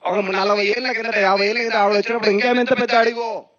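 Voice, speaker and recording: Spiritual speaker, man, very high voice, lively, asks the crowd questions, dull lo-fi recording. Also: quick pace. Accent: Telugu. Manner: lively, questioning, repeats phrases for emphasis. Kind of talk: meditation discourse. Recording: dull lo-fi sound.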